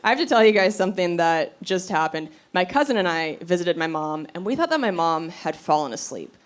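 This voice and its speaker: A woman doing a stand-up comedy routine on stage, animated, quick to laugh and swearing freely. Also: lowish voice. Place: comedy stage before a live audience. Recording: live stage recording with crowd noise.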